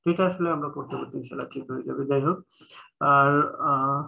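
A man with a Bangladeshi Bengali accent, teaching an online class in a patient way, repeating each point slowly with many filler sounds. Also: medium pitch, steady tone, creaky, pushed and bright, low-quality recording. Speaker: Quran reading teacher. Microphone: online call.

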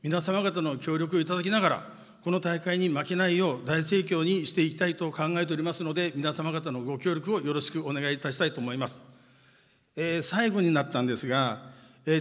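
A man, a city mayor, gives a formal ceremonial speech, measured and dotted with drawn-out filler sounds. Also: fairly high pitch, a bit bright. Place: large conference hall. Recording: long hall reverb.

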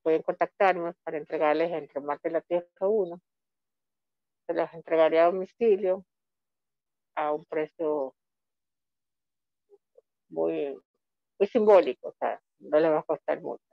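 A woman's voice: sits low, measured pace, creaky, pauses often, no room sound. Chatty woman on a dull, dry line. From Ecuador. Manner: chatty, rambling with many restarts. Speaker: comic author. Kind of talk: online book fair presentation.

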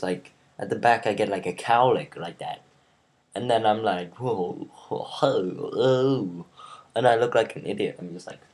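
Low, slow-talking teenage boy rambling. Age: teens. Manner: rambling, lots of ums and restarts. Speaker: vlogger. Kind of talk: casual rant to camera.

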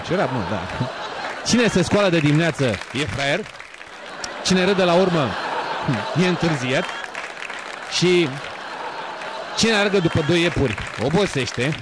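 A man's voice: on the high side, pauses often, a crowd in the background, background noise. A male comedy host telling jokes and bantering straight at the audience. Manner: bantering, addresses the audience directly. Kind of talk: stand-up joke telling.

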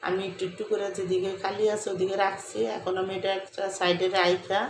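A woman with a hoarse voice from a cold, casually talking viewers through a cooking demonstration step by step and often telling them to look. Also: mid-range voice, echoey room, slight background noise, rough recording. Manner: chatty, repeatedly tells viewers to look. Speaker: cooking vlogger.

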